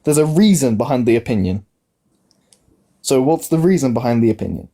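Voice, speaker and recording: A young man in his early twenties, a guest on a casual livestream debate, insistently presses the same question again and again with stumbling restarts. His mid-range voice is animated, a little fast, and dark in tone.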